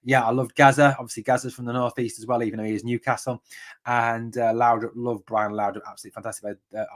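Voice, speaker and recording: A man's voice: medium pitch, flat delivery, quick pace. A man in his forties from the northeast of England hosts a live fan podcast from a room at home. He talks in a loose, rambling way, wandering off on tangents and restarting sentences, with an ordinary mid-range voice. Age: 40s. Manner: rambling, chatty, goes off on tangents, many fillers and restarts. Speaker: podcast host. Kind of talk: live-stream football chat.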